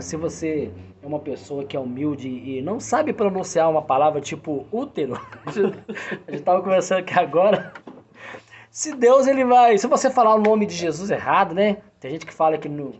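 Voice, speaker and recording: A man's voice: a little high, slight background noise. A man hosting a casual chat about faith, joking and laughing often. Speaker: host. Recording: dull lo-fi sound.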